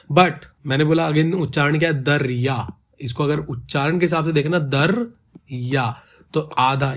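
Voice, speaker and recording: Man explaining poetic meter. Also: on the high side. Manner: counts syllables aloud, stretches words when reciting verse. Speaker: ghazal meter teacher.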